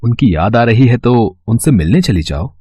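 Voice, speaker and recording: A man voicing a caring young husband who speaks in a calm, reassuring way in a cartoon story. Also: medium pitch, normal speed, husky, no echo, clean studio sound. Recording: dull lo-fi sound.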